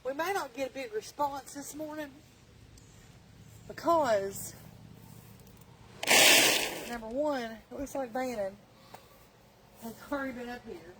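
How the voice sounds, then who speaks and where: A woman chatting casually for a homestead vlog outdoors, halting and thinking aloud as she works. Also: high voice. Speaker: homestead vlogger and mother. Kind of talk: casual farm vlog chat. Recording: outdoor farm noise behind voice.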